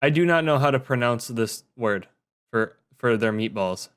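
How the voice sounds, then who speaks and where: A man chatting on a voice-call podcast with a very expressive, wide-ranging pitch. He sounds bemused and playful. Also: moderate pace, clean tone. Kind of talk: casual chat.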